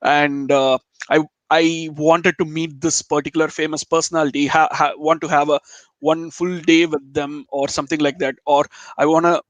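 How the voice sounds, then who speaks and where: A man's voice: a little high, flat delivery, moderate pace, no room sound. A man from Chennai with a Telugu Indian accent, chatting casually as a webinar guest in an informal, jokey, digressive way. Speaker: guest speaker, web developer.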